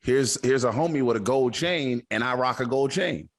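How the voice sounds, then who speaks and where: A man hosting a podcast interview, talking in a relaxed, slangy way. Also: medium pitch. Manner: relaxed, slangy, quick to laugh along. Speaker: podcast host. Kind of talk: casual interview talk.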